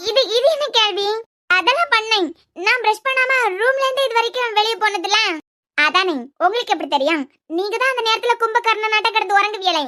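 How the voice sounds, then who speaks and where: A woman voicing a quick-witted young wife in a cartoon web series, with a Kanyakumari Tamil accent and sharp, bickering retorts. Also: very high voice. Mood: banter.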